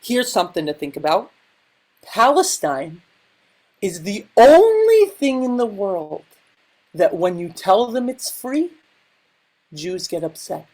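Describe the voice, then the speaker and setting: A woman doing stand-up comedy with a slow, wry delivery and a sung parody. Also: mid-range voice, very animated, mellow.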